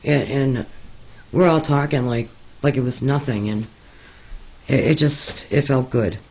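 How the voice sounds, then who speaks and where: A man recounting personal experiences in an interview, hesitant and earnest, with many pauses and fillers. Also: medium pitch, darkish tone, rough recording. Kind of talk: slow, halting personal account.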